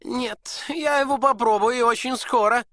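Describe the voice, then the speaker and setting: A storyteller voicing a hot-tempered, pompous duke who shouts and threatens his cook in a storybook reading. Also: medium pitch, moderate pace, no room sound, clean studio sound, voice pushed up, natural voice. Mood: furious. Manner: blustering, shouting.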